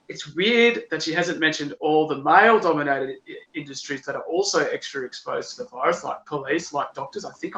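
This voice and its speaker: Bright, sarcastic Australian man in an echoey room. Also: a little high. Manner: mock-incredulous, sarcastic. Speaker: podcast co-host. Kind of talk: casual podcast banter.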